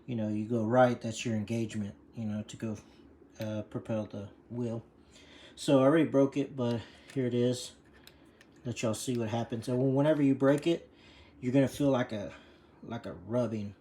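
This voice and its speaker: A man's voice: mid-range voice, steady tone, moderate pace, mellow. Rambling man fixing a bike. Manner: rambling, full of fillers. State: breathing hard from leaning over. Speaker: bike mechanic demonstrating a repair. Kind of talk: casual how-to video.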